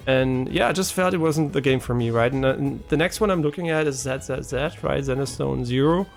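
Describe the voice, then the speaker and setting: Speaking fairly quickly, a gravelly-voiced gaming streamer of ordinary male pitch wanders from thought to thought, piling on ums, restarts and "right?" as he plays. He grew up German-speaking, is half French and has German as his first language, and soft game music plays faintly behind him.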